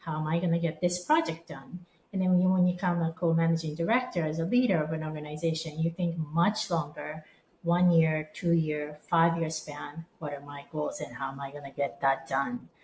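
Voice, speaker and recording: A woman with a deep, darkish voice speaks fairly quickly and with fairly even intonation as a podcast guest. She co-manages a design firm and comes across as reflective and thoughtful, often murmuring agreement while listening, in an echoey room with faint background noise.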